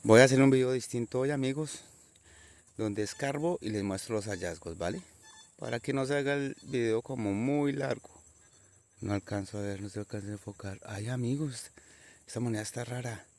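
A man's voice: mid-range voice, moderate pace, a little mellow. A man narrating a casual outdoor metal detecting vlog, chatty and constantly addressing his viewers as friends. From Colombia. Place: outdoors in nature.

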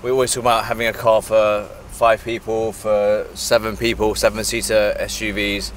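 A man's voice: lowish voice, level tone, moderate pace, poor audio. Easygoing man, thirties, casual vlog banter from a convertible; street noise behind. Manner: easygoing, joking. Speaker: vlog co-host. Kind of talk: casual chat. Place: open-top car outdoors on city streets. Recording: traffic and wind noise.

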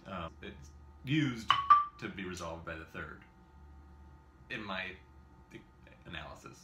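In his home kitchen, a man in his thirties gives a casual xylophone lesson, rambling and self-deprecating with plenty of fillers and small laughs. His voice is low and animated, his pace slow, and the recording very noisy. A camera sits in front at a short distance, catching the echoey kitchen and the xylophone playing.

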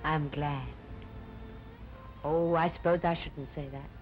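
An actress playing a gentle, earnest young woman in wartime, speaking softly and earnestly in early talkie film sound. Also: low-pitched, steady tone, slow. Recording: dull 1930 film soundtrack, faint music.

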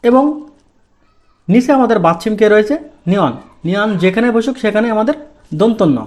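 High-pitched man, Korean teacher, from Bangladesh, asks and answers his own questions, slow stress on key sounds. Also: a little mellow. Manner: asks the class questions and answers them himself. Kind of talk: step-by-step pronunciation lesson.

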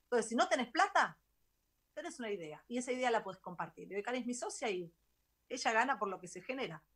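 A middle-aged woman with a Rioplatense Spanish accent, a guest telling her story in a chatty, animated radio interview. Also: fairly high pitch, fast talker, husky. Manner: animated, chatty, laughs easily. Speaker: guest, travel author. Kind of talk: casual interview talk.

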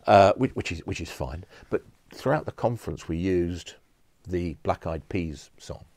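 Here the same kind of speaker, a middle-aged male event producer, sounds low, expressive, and a little mellow, taking his time. He spins eager, meandering stories with frequent restarts, recorded dry in an interview studio with empty audience seats.

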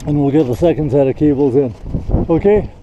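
A crew leader speaking a little high and fairly quickly directs his helpers casually on a snowy, windy mountainside, thinking out loud in brief phrases. The muffled audio comes from a body-worn action camera and is full of loud wind.

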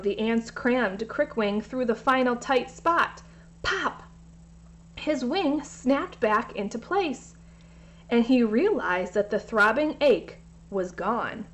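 A woman reading a children's story aloud in a gentle way, sometimes speaking directly to the kids. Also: fairly high pitch, a little hiss or hum.

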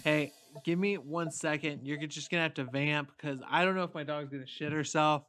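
A man co-hosts a casual podcast, throwing in quick, offhand ideas. His voice is somewhat high, smooth and clear, and it is recorded dry and close on a desk microphone. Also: fairly even intonation, fairly bright tone, no room sound, soft background music. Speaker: podcast co-host.

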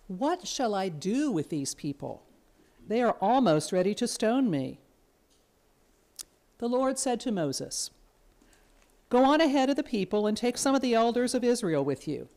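A woman serving as lector, giving a formal scripture reading in a church in a measured, even way. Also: medium pitch.

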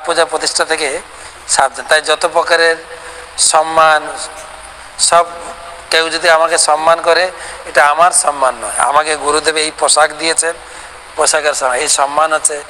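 A man delivers a devotional scripture lecture, answering questions sent in by listeners. His voice is bright and forceful, a little higher than most men's. He acts out imagined conversations and draws out chanted mantras slowly, with a long hall reverb and a faint hum of noise behind him.

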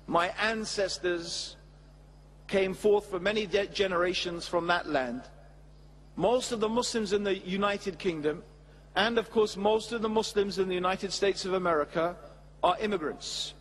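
A middle-aged man giving a measured, emphatic religious lecture at a stand mic on a large studio stage before an audience. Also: high voice, long reverb tail, slight background noise. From England. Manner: measured, emphatic, with expressive hand gestures. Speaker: Islamic preacher. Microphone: stand mic at a lectern.

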